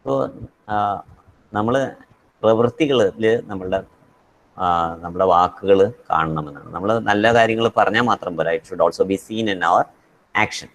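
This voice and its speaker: Male English teacher, Malayali accent, Malayalam native, lowish voice, very fast delivery, code-switching lecture with quizzing of students. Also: a bit bright. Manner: explains by repeating and translating, asks questions of students; frequent fillers and restarts while explaining. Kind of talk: online class lecture mixing English and Malayalam.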